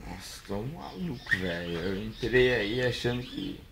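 A man's voice: lowish voice, animated, unhurried. A young man with a Brazilian accent making brief, doubtful, casual remarks, a little off-mic. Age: young adult. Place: small laundry room by an outdoor entrance. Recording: very noisy handheld video, off-mic.

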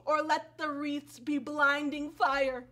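A woman's voice: sits high, flat delivery, takes it slowly, bright, forceful tone, full character voice. A young woman acting a wronged, vengeful foreign princess on stage, speaking with impassioned, tearful bitterness. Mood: anguished. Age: young adult. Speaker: student stage actor.

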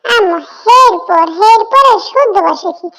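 Talking Ginger, a squeaky boy cat with a Barishal accent. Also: animated, a little slow, creaky, sharp tone, full character voice. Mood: curious. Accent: Barishal dialect of Bengali. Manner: chatty, asks question after question. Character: playful young boy cat, curious and cheeky. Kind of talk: comic cartoon dub.

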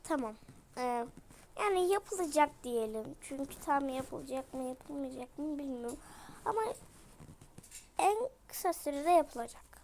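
A woman's voice: high voice, expressive, a little slow, a little mellow, a little hiss or hum. A woman voicing a hesitant, evasive school principal who stalls with fillers in a toy role-play story.

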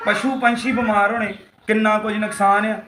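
A man's voice: high-pitched, flat delivery, brisk, sharp tone, reverberant, a little hiss or hum. A man from Punjab playing a husband who earnestly lectures his wife about loving nature, in a home-made short film. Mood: lecturing.

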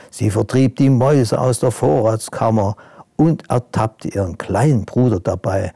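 A man reading a bedtime story aloud to children, gently and expressively, sometimes dropping to a hush. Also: lowish voice, vocal fry, slightly rough, no echo.

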